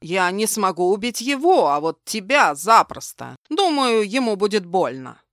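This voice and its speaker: Woman doing a nasty vengeful ex-husband, snarly, loud threats, audiobook, dry sound. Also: medium pitch, sing-song, a little slow, no echo. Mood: snarling. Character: vicious vengeful male ex-husband, unhinged. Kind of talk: audiobook dialogue.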